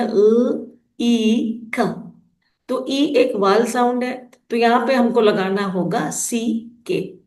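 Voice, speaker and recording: A woman's voice: a little high, echoey room. A woman explaining phonics rules to teachers in an instructional lesson, sounding out letters one at a time.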